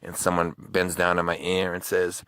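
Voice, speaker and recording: A man's voice: low-pitched, monotone, moderate pace, a bit bright, smooth, no room sound. A man who hosts true crime videos, telling a personal story in a casual, rambling way with many restarts.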